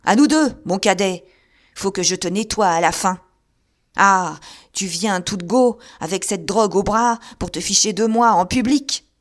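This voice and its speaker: A woman voicing a delirious drunk man who yells frantically in rough slang. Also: medium pitch, unhurried, natural voice. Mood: furious.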